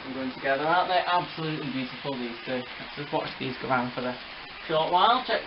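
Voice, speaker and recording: A man's voice: medium pitch, expressive, fast, reverberant, muffled recording, noisy background. A man chatting about his model trains, sometimes breaking into playful race-caller bursts. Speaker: model railway hobbyist. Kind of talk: casual chat with bursts of mock race commentary.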